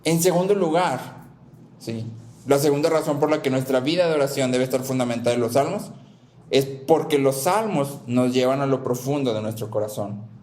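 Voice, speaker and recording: A man in the middle of a sermon, speaking at an ordinary pitch. He repeats each main point and keeps checking in with his listeners. His voice rings around an echoey church hall. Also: normal speed, a little mellow. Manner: repeats key phrases, asks "¿sí?" to check in. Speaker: preacher.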